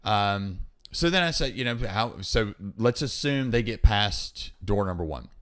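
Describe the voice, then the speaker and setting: A podcast host with a lowish voice and lively intonation gives hiring advice at a measured pace. He talks casually and instructively, emphatically repeating his key points and acting out example phone calls.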